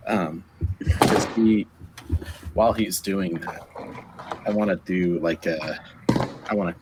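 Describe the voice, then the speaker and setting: Brief: deep-voiced male tabletop player, hesitant and rambling. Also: slow, long pauses, heavy background noise. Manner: hesitant, full of fillers. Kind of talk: playing a tabletop game.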